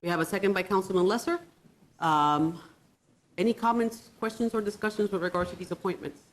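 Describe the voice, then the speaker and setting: A woman presiding over a city council meeting, moving briskly through procedure. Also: mid-range voice, low-quality recording.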